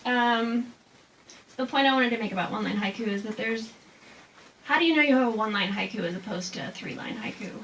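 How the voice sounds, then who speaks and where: A woman poet giving an informal reading and talk about haiku, slow and deliberate when she recites verse. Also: fairly high pitch, a bit bright, recorded from a distance. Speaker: haiku poet presenting her work. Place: live reading before a small audience. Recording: noisy room with clear background noise.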